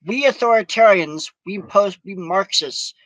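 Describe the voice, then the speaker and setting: This is a sneering, all-knowing authoritarian zealot, put on by a man mocking him. The voice sits high and accusing. It has a dry, close sound with no room around it. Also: unhurried, fairly bright tone, dry recording, poor audio.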